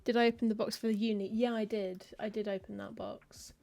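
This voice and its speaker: Reading game text aloud during a cozy-game stream, this woman mutters through book-title lists and adds dry little quips as she goes. She talks fairly quickly in a mellow, medium-pitched voice with vocal fry and hardly any pitch movement.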